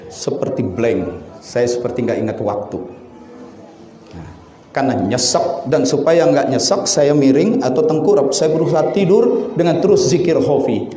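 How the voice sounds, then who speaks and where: A middle-aged man preaching a sermon, telling a personal story and swinging between hushed and excited delivery. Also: medium pitch. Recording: echoey room with faint ambience.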